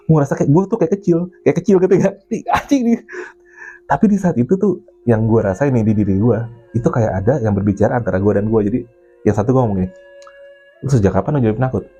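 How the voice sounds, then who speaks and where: A man's voice: mid-range voice, quick pace, husky, faint music behind. Swearing man telling a ghost story. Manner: animated, acts out his own and others' quoted lines; swears casually, keeps addressing the listener as Bang. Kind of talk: casual storytelling chat.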